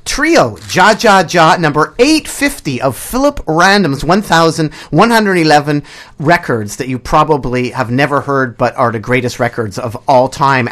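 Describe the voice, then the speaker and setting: A man hosting a college radio show from a studio, firing off eager questions and cutting in. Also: on the high side. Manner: excitable, interrupting, quick questions. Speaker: radio host.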